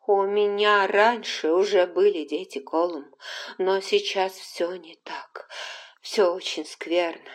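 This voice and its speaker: A woman reading an audiobook and voicing a frightened young woman in painful labour, shrill and pleading. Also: steady tone, takes it slowly, natural voice. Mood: fearful.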